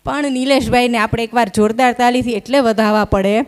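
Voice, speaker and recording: On a live stage in an event hall, a young woman comedian does stand-up into a stage microphone, teasing the crowd in a chatty manner. Her voice is fairly high and steady in tone, and she moves briskly.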